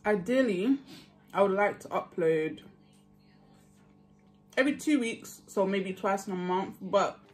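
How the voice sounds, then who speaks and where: A woman's voice: medium pitch, lively intonation, measured pace, long pauses, soft background music. Chatty young woman vlogging a meal. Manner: chatty, laughs easily, talks while eating. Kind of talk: casual mukbang chat.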